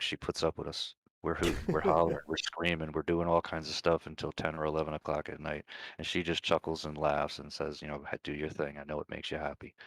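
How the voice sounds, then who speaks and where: A man in his forties with an extremely deep, gravelly voice that stays flat and even. He talks in a rambling, heartfelt way in a casual post-race interview, and the sound is dry and close. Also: no echo. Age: 40s. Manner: rambling, heartfelt, full of thanks. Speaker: sim racing driver being interviewed.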